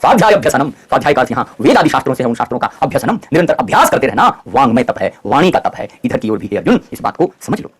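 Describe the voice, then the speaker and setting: Husky, lively man teaching scripture. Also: mid-range voice, rapid-fire, few pauses. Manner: recites Sanskrit verses, then explains them. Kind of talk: scripture commentary discourse.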